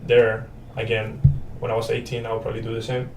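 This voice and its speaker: A man's voice: on the low side, completely flat delivery, fast talker, distant mic. A young man in his twenties from Paraguay, a native Spanish speaker, chatting as a student guest in a friendly, rambling way with many fillers and restarts. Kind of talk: casual interview chat. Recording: roomy, off-mic with faint noise.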